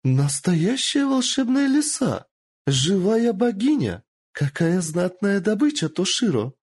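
A man voicing a cruel, sadistic lord in an audiobook, speaking shrill and excited. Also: slow, breathy edge, full character voice. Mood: delighted.

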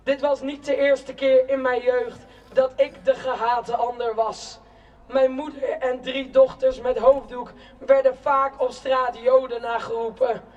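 A young woman giving a protest speech in a slow, declamatory spoken-word style, with shouted chants between lines. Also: high-pitched, little pitch movement, dull audio. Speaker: rally speaker. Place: outdoor city square at a demonstration. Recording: distant outdoor rally recording.

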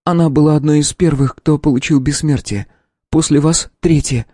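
A man voicing a young woman scientist, soft. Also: on the high side, fairly even intonation, moderate pace, husky, dry recording, studio quality. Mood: subdued. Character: young woman lab scientist, tense and earnest.

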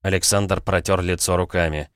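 Deep, smooth male audiobook narrator. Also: steady tone, normal speed, a bit bright, no echo, studio quality. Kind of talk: scripted first-person audiobook narration.

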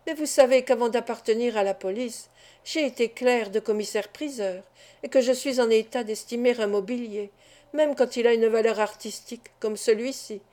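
Woman reader as a calm male police commissioner, soft and polite, mellow tone, storybook. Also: fairly high pitch, moderate pace, lightly acted.

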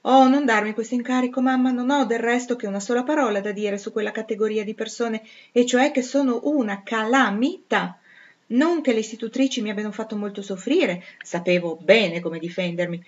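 A woman's voice: a little high, fairly quick, highs cut off, pitched above the performer's own voice, close to an everyday voice. A woman voicing a haughty, scornful young noblewoman. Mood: mocking. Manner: disdainful, chattering.

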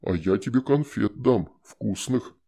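A man voicing a gravelly, coaxing shadow spirit. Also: fairly low pitch, expressive, mellow, voice pushed down, exaggerated voice. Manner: slow, wheedling, persuasive. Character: sinister coaxing shadow spirit, female, scheming. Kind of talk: audiobook character voice.

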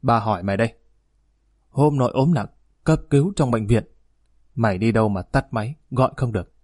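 A man's voice: mid-range voice, fairly quick, no room sound, clean studio sound, close to an everyday voice. A man reading as an angry aging father. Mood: scolding. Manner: harsh, scolding, loud. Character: stern aging father scolding his grown son. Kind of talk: audiobook narration.

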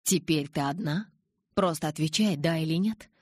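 A woman voicing a calm, mocking male kidnapper who gives orders in an audiobook. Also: low-pitched, moderate pace, dry recording, clean studio sound. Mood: menacing. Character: menacing smooth-voiced male kidnapper. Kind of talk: audiobook character voice.

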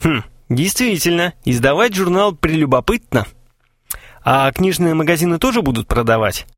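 A man's voice: on the high side, lively intonation, moderate pace, a bit bright, no room sound, clean studio sound, voice pushed up. A man voicing Podkhodtsev, a hesitant, businesslike young man who speaks condescendingly in a comic story. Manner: jealous, condescending.

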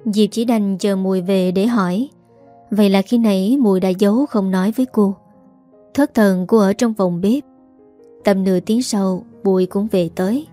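A woman's voice: medium pitch, moderate pace, soft background music. A woman narrating a serialized story aloud, reading every character in the same voice. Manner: reads all characters in one even voice.

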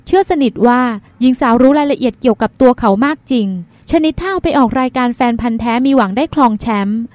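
A woman narrating a novel as an audiobook reader, in smooth, even storytelling. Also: sits high, quick pace, dry recording. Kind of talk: novel reading.

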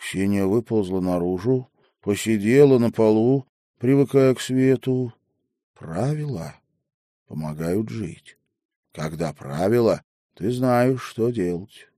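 Low, dark-voiced male narrator. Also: expressive, slow pace, no echo, clean studio sound. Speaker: audiobook narrator. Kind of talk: expressive audiobook narration.

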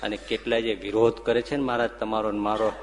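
A man's voice: fairly low pitch, flat delivery, fast, a little hiss or hum, natural voice. Guy doing a humble village woman begging earnestly, long echo of a big hall. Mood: pleading.

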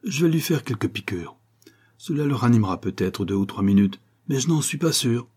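Man doing a calm clinical ship doctor, audiobook, mellow husky voice. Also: medium pitch, fairly quick. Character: calm male ship's doctor.

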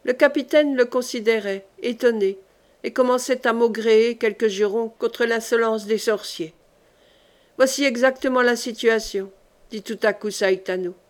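A woman reads a historical novel aloud for an audiobook. Her voice sits fairly high, and she keeps a calm, even pace, shifting only slightly for the characters. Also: moderate pace. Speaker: audiobook reader.

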